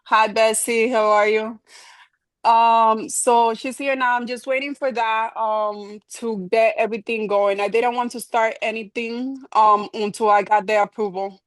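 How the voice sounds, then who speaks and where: A woman's voice: a little high, steady tone, a little slow, no echo. A woman answering questions hesitantly as an applicant at a public hearing. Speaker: bar manager applying for a license.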